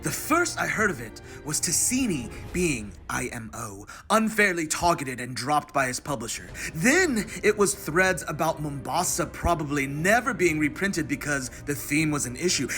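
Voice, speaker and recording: Man hamming up an angry board gamer, high-pitched, theatrical. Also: pushed and bright. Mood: aggrieved, indignant. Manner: reads punctuation marks aloud. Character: angry, aggrieved male board game hobbyist ranting online. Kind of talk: dramatic reading of an online comment. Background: music.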